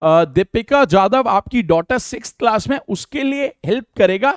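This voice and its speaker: A man teaching a live online math class, drilling sums aloud, urging students to go fast, and answering their chat questions. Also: sits high, animated, clean tone, no room sound, clean studio sound. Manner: brisk, drills sums aloud and urges speed.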